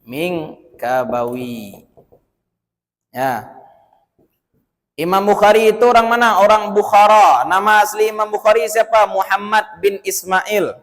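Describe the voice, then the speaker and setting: A fairly high-voiced man with a Minangkabau accent delivers a religious lecture, quizzing his audience and dropping into local dialect for jokes. His voice carries a long hall reverb. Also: normal speed, fairly bright tone. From West Sumatra. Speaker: religious teacher.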